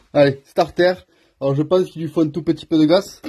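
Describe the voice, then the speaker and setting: A man's voice: on the high side, heavy background noise. A man filming himself on his phone in his home workshop, chatting casually to the viewer as he works on a scooter and thinks aloud. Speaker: scooter mechanic vlogger. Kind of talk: casual how-to vlog.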